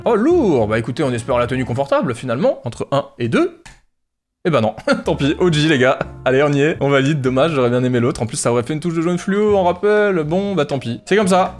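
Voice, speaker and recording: Fast-talking excitable man. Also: medium pitch. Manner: fast, excitable, swearing, jokey asides. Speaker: YouTuber. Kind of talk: casual vlog commentary.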